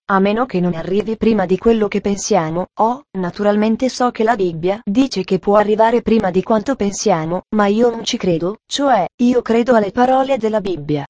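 A woman's voice: mid-range voice, a little mellow, dry recording, highs cut off, close to an everyday voice. A woman reading the part of a cheerful, talkative little girl in an audiobook, with an eager, earnest manner.

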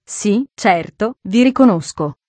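A woman's voice: mid-range voice, lively intonation, takes it slowly, a little mellow, dry recording. A woman voicing a cold, stern old invalid mother, speaking firmly, in a dry storybook reading.

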